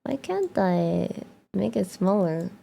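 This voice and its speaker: A young woman streaming live, chatting casually with her viewers, excitable, laughing often and swearing freely. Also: medium pitch, slow, creaky.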